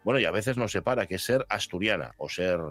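Low-voiced male radio host, relaxed. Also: fast, dry recording. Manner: relaxed, hesitant with fillers. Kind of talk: casual radio chat. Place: radio studio.

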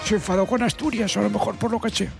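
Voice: medium pitch, fairly even intonation, fast, vocal fry, over music, close to an everyday voice. A performer with a Spanish accent from Spain playing a zany professor who presents a comic radio quiz in a theatrical, mock-grand announcing manner. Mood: playful, mock-grand.

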